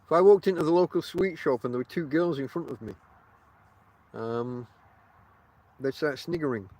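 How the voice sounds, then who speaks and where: Fairly high in pitch yet dark in tone, a middle-aged podcast host talks at a moderate pace. Toothless, he articulates with his lips over his gums, and his rambling, casual talk is full of wry jokes against himself.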